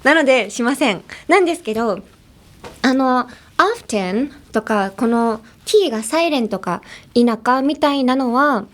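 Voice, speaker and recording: A woman's voice: high voice, expressive, measured pace, a bit bright. A young American woman hosting a podcast, chatting casually and laughing often as she switches between languages. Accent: American English. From Los Angeles. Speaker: podcast host. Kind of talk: casual bilingual chat.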